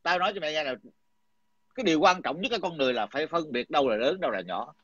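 A man's voice: a little high, animated, rapid-fire, a crowd in the background. A middle-aged man, talking in a heated, coarse and combative way, repeating himself. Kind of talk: heated casual talk. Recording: dull lo-fi dry sound.

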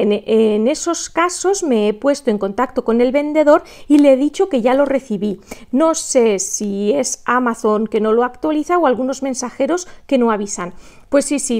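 A woman's voice: fairly high pitch, a little mellow. A middle-aged woman, hosting a crochet channel, chatting casually, reading viewer comments aloud and counting stitches between laughs. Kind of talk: casual chat while crocheting.

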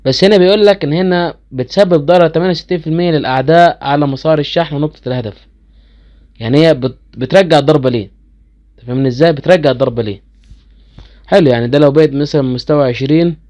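A man's voice: a little high, racing, mellow. A man with an Egyptian accent chatting casually to viewers as he explains game skills, easily incredulous. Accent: Egyptian Arabic. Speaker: gaming channel host.

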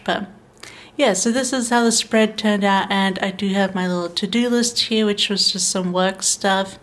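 A young woman talking casually over her planner video, rambling along with frequent ums and small laughs. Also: medium pitch. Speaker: planner vlogger.

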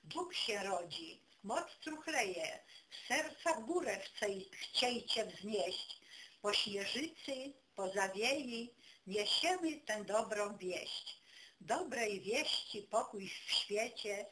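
A woman recites folk poetry in a measured, declaiming way. Her voice sits at a middle pitch and she takes the verse slowly, pausing between phrases. There is some noise in the amateur recording. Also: animated. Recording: clearly noisy amateur recording.

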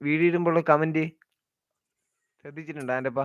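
A man's voice: a little high, steady tone, quick pace, clear, resonant tone, no echo. A man hosting a casual live stream, chatting, teasing and greeting viewers by name as he reads their comments. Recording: dry, slightly dull sound.

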